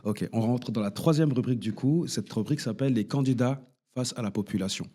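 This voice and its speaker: A man hosting a political debate, moving briskly through the segments. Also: mid-range voice, dark tone. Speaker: host.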